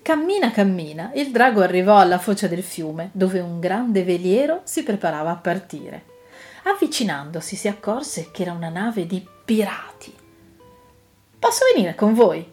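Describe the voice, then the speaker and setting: A woman reading a children's story aloud in an expressive, gently lilting manner. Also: medium pitch, normal speed, soft background music.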